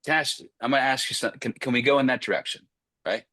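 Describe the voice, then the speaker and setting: A man's voice: medium pitch, rapid-fire, bright, forceful tone, no echo. A man coaching sales closers on a group video call, blunt and profane, firing off short commands.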